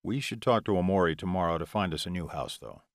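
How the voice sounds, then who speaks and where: A calm, affectionate male vampire, voiced by a male narrator, speaking low and reassuringly. His voice sits deep and is recorded close and dry. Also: fast talker, no room sound.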